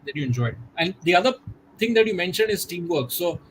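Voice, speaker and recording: A man's voice: sits high, expressive, a little hiss or hum, low-quality recording. Reflective man speaking over a video call. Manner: reflective, measured, frequent "you know" fillers. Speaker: guest. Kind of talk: conversational interview.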